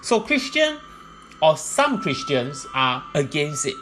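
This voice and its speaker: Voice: medium pitch, big pitch swings, takes it slowly, over music. A presenter giving explanatory religious teaching in a methodical, point-by-point way.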